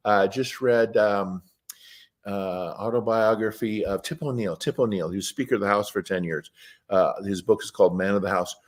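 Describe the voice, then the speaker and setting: A man's voice: lowish voice, normal speed. A man talking as an interview guest, telling rambling stories in a plainspoken, opinionated way and wandering off the subject. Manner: rambling, digressive storytelling. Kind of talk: casual conversational interview.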